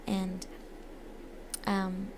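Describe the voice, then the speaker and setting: A student born in Mexico who grew up in the United States gives an informal book presentation of a literature essay. She is hesitant and halting, often pausing and correcting herself. Her voice is medium-pitched and monotone, with background noise in the recording.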